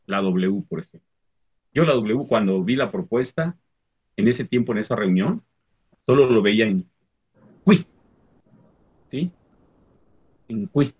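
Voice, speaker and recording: Husky man explaining Nahuatl words. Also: fairly low pitch, expressive, a little slow, long pauses, a little mellow, highs cut off. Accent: Mexican Spanish. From Huasteca region of Mexico. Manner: explanatory, often checks understanding with "¿sí?". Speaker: Nahuatl language teacher. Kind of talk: conversational talk on language teaching.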